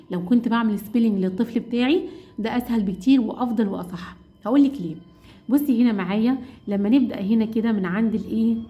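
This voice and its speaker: A woman's voice: medium pitch, highs cut off. A woman with an Egyptian Arabic accent teaching English phonics to mothers, asking and answering her own questions and drawing out vowel sounds. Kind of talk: explaining a phonics lesson to mothers.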